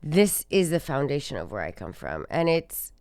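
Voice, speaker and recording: Brief: woman guest from Sudan, low smooth voice, dry close mic, emphatic and reflective. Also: sing-song, normal speed, darkish tone, no room sound. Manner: thoughtful, emphatic, acts out quoted speech. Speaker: guest musician. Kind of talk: conversational interview.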